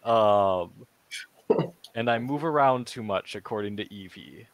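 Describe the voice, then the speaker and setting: A man narrating as game master in a tabletop game, relaxed and rambling. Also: fairly low pitch, a little slow, no room sound.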